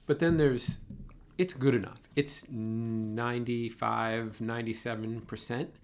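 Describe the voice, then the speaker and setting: A man's voice: mid-range voice, fairly even intonation, measured pace. A man with a Boston accent interviewing in a casual, conversational way, thinking aloud and checking his points as he goes.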